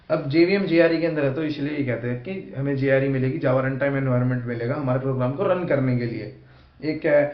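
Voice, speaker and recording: Chatty male coding teacher, echoey room. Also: fairly high pitch. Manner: chatty and informal, addresses students directly. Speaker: programming teacher. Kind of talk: casual Hindi lecture mixing English terms. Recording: echoey room, dull lo-fi sound.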